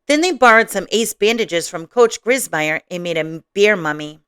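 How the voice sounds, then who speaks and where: A woman's voice: mid-range voice, animated, normal speed, fairly bright tone, clean tone, no echo, studio quality. A woman hosting a children's story channel, reading aloud expressively and chatting with her listeners. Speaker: storyteller host.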